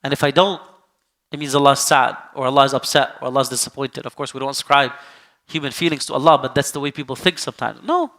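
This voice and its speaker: A man giving a casual, sermon-style Quran lesson, animated and full of rhetorical questions, sometimes acting out the people he quotes. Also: medium pitch, fast. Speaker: Islamic teacher.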